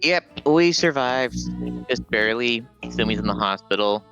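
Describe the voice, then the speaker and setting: A man's voice: mid-range voice, lively intonation, a little slow, fairly bright tone, muffled recording, soft background music. A man taking part as a player in a tabletop game, answering casually and briefly.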